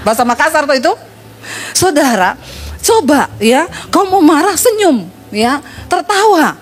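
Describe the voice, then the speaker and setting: A woman pastor with a high voice preaching to her congregation. She tells stories with humor and speaks straight to her listeners. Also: big pitch swings, measured pace. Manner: humorous storytelling, addresses congregation. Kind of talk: sermon.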